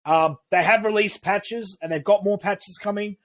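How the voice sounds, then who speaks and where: Speaking with a high, fairly bright voice, even intonation, and normal speed, this man co-hosts a casual podcast. His talk meanders through his views, full of restarts and cheerful swearing.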